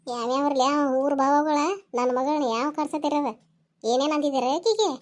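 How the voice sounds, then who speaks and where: A woman playing an angry village mother who lectures and threatens loudly, with a North Karnataka Kannada accent. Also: high voice, normal speed, lightly acted. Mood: furious. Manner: loud scolding lecture.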